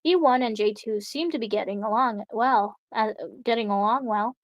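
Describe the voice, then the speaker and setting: A woman's voice: on the high side, normal speed, no echo, highs cut off, lightly acted. Woman voicing a clinical female experimenter, matter-of-fact log entries, dry close sound. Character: calm clinical female experimenter writing logs.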